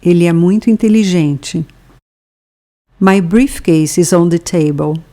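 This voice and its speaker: A language teacher with a Brazilian Portuguese accent leads a scripted bilingual lesson. She reads each phrase very slowly and carefully, pausing so the listener can repeat, in a mellow voice that sits slightly low.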